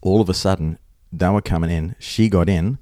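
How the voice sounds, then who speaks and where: An Australian man talks casually as a podcast co-host, with a blunt, sweary way of putting things. His voice is deep, recorded dry with no room sound. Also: moderate pace, warm tone, no room sound. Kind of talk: casual conversational storytelling.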